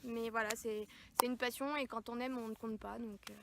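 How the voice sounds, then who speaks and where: A woman vlogger chatting casually as she answers viewer questions, pausing often with fillers. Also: fairly high pitch, fairly even intonation, creaky, background noise. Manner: hesitant, many filler pauses. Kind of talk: casual chat. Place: near horses at a stable.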